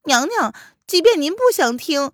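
A woman's voice: high-pitched, sing-song, normal speed, dry recording, clean studio sound, voice pushed up. A woman voicing an anxious, loyal male palace servant who speaks earnestly to his mistress. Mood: urgent pleading. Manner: pleading, earnest.

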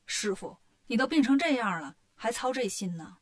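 A woman's voice: on the high side, animated, moderate pace. A woman voicing a boastful, cheeky male monkey king who talks brashly and teases. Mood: cocky. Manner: brash, bragging and teasing.

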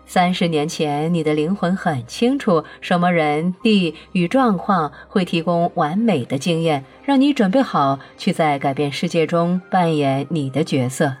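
A woman reading an audiobook, voicing a patient, all-knowing divine voice that explains calmly and insists firmly. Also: fairly low pitch, unhurried, hardly any pauses. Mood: serene.

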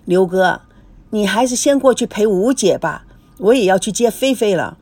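A young woman from Beijing speaks quietly and holds her temper in check, as a woman narrator puts her on. Her lines are low and restrained with a breathy touch. The recording is close and dry. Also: animated, normal speed, dry recording. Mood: polite. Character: young Beijing woman, composed but fierce when pushed.

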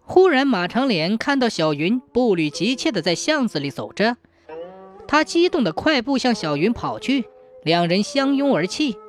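A woman narrating a folk tale in a steady, expressive storybook reading. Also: a little high, moderate pace.

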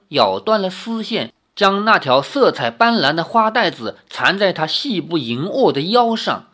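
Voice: mid-range voice, a bit bright. A storyteller reading a novel aloud expressively, adding casual asides.

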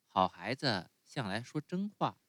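A man voicing a gentle, motherly fairy woman in a calm, soft way of speaking. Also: medium pitch, measured pace, dry recording.

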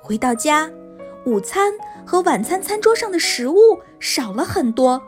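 A woman narrating a scripted children's story in an expressive storytelling manner, as if for young listeners. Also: high-pitched, a little slow, soft background music.

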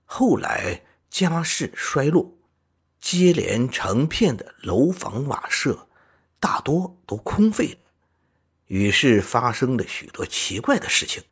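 A male storyteller reads a classical tale in a very husky, breathy voice. He speaks slowly and deliberately, with a lively, wide-ranging pitch that gives the narration color. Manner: measured, expressive classical-tale reading.

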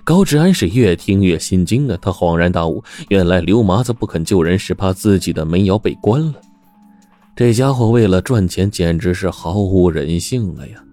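A man telling a dramatic story in an expressive way, acting out the dialogue. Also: deep voice, moderate pace, soft background music.

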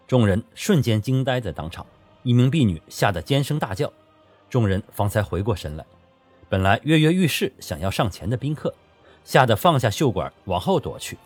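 Brief: male novel narrator, low and husky, expressive, faint music bed. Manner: expressive storytelling. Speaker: audiobook narrator.

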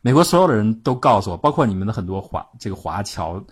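A man's voice: lowish voice, very animated, fast talker, slightly rough. A man voicing an older male statesman who confides and presses advice on a younger ally like a big brother. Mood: earnest. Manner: chummy, confiding, insistent.

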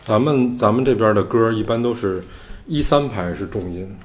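A man's voice: fairly low pitch, animated, moderate pace. A man hosting a podcast, explaining music theory in loose, casual talk. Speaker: podcast host. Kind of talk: casual chat.

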